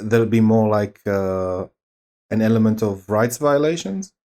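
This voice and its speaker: A man with a fairly low voice lays out an argument in an informal debate. His delivery is deliberate and halting, pausing as he builds each step of his explanation. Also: darkish tone.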